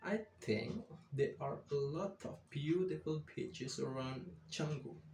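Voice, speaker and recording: A male teacher voicing a friendly male student who introduces himself, reading slowly and carefully so pupils can copy the pronunciation. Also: fairly high pitch, darkish tone, a little hiss or hum. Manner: slow, careful read-aloud for pronunciation practice. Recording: roomy echo, distant mic.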